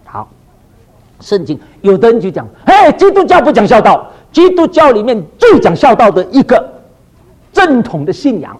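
High-voiced animated male preacher. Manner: animated, full of rhetorical questions to the listeners; drops in short English phrases. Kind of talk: sermon to a congregation.

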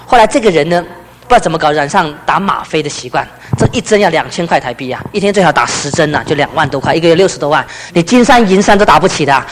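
A man preaching, telling a story that swings from loud emphasis to hushed, low passages. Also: animated, fast, slight background noise. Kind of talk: testimony sermon. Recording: long hall reverb.

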